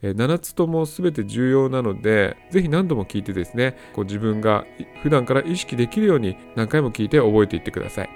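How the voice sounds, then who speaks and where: Man, solo advice talk, explanatory, repeats points, animated pitch, slight fry. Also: a little fast, hardly any pauses, faint music behind. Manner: explanatory, repeats key points, frequent fillers. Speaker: host of a self-help audio talk.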